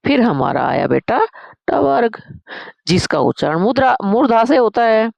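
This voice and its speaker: A woman's voice: a little high, very animated, normal speed, creaky, no echo, muffled recording. A woman Sanskrit teacher, teaching a grammar lesson, calling her students "beta" and answering her own questions.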